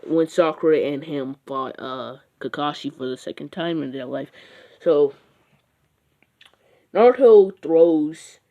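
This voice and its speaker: A narrator with a mellow, medium-pitched voice tells a fan-made what-if story. The delivery is casual and rambling, packed with "like" and "uh" and frequent restarts.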